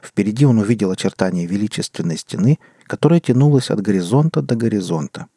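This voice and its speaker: A man narrating an audiobook in a measured storytelling manner. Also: on the low side, expressive, mellow, slightly rough, no echo, studio quality.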